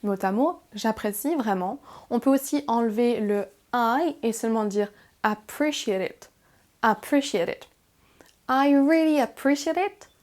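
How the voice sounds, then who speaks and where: A young French woman teaching a beginner English lesson, who slows down and spells out each English phrase with careful, deliberate pronunciation. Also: on the high side, a little mellow.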